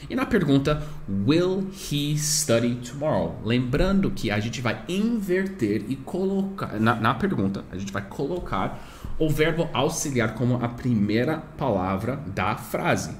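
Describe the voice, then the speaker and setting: A native English speaker, a man, teaching grammar to learners with a lively, bouncing intonation. He explains patiently, repeating words and slowing down to model pronunciation. A faint background noise sits under his voice. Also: mid-range voice.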